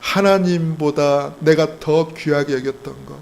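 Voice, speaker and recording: A man preaching a Sunday sermon as pastor, emphatic, swinging between loud exhortation and quiet asides. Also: fairly high pitch, steady tone, unhurried, vocal fry, poor audio. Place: church sanctuary.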